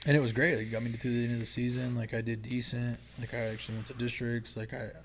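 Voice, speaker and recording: A man's voice: medium pitch, little pitch movement, quick pace, a little hiss or hum. A young man sharing his story as a podcast guest, casual and candid, rambling with lots of filler and swearing. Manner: rambling, heavy use of "like" and swearing.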